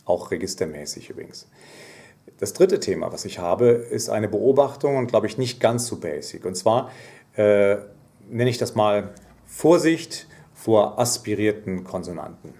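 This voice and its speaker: A man giving a singing lesson, explaining technique calmly and singing short demonstration phrases. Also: on the low side, unhurried. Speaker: singing teacher.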